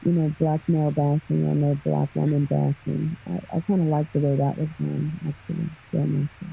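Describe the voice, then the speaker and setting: A woman's voice: sits low, normal speed, gravelly, slightly rough, faint music behind. A woman calling into a live panel and chatting casually with lots of hesitant ums. Her phone mic makes her sound muffled and underwater. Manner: relaxed, hesitant with many ums. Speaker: panel caller. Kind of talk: casual call-in chat. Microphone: phone on a livestream call. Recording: muffled, tinny phone line.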